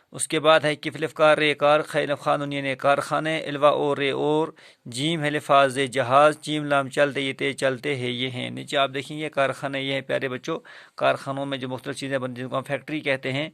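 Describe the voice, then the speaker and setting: Male teacher, gravelly and monotone, spelling words slowly for young pupils. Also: mid-range voice, no echo, clean studio sound. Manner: slow letter-by-letter spelling out of words; patient, repetitive teaching voice. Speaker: primary school teacher. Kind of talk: recorded Urdu reading lesson for children.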